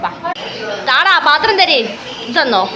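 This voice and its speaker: Her voice is high-pitched and very animated, yet her pace stays measured, with a crowd audible behind her. She is a travel vlogger chatting casually on phone video, frequently exclaiming and saying guys to viewers, moving from a hot, sunny rooftop terrace to indoors. Background noise is loud.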